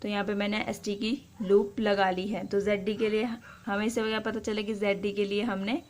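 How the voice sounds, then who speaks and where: A woman teaching a shorthand class as a voice-over. She explains each step patiently and repeats the example words slowly. Her pitch sits in an ordinary middle range. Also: little pitch movement, a little mellow.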